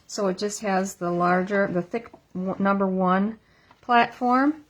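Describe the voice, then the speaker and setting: A woman demonstrates card making at her craft table in a relaxed, chatty way. She talks herself through each step as she works. She is recorded through an iPad camera. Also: medium pitch, a little slow, background noise. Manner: chatty, thinks aloud while working. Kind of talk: casual craft tutorial. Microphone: iPad camera on a stand.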